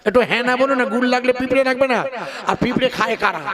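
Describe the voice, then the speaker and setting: A male preacher from India delivering a sermon before a live audience, an animated storyteller who jokes and keeps asking the crowd to answer him. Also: very high-pitched, very fast. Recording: crowd noise from a live gathering.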